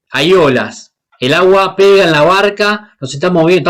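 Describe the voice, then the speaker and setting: A man from Paraguay, preaching a sermon and asking the congregation questions as he acts out the Bible characters. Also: a little high. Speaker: guest preacher.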